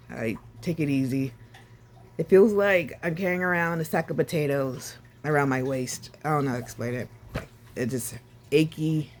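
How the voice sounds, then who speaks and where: A woman vlogging casually about her recovery, sore and short of breath, with a sore throat, talking haltingly with sighs and restarts. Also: sits low, a little mellow. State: sore and winded after surgery.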